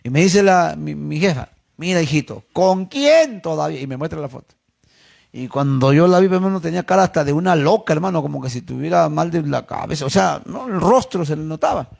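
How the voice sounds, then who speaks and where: A male pastor delivering a sermon, his voice sitting a touch high with a gravelly edge. He tells a story to the congregation and calls them brothers, sinking to quiet asides and climbing to loud, stressed questions. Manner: storytelling preacher, swinging from low murmurs to raised, emphatic questions; addresses listeners as brothers, drawn-out emphasis on scripture.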